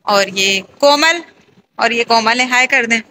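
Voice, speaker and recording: A woman's voice: a little high, slow pace, bright, forceful tone. Chatty woman vlogger in a noisy mall. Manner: chatty, enthusiastic, narrating sights. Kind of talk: casual walking-tour vlog. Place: large indoor shopping mall. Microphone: phone held at arm's length. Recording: noisy phone audio in busy mall. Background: mall crowd chatter and noise.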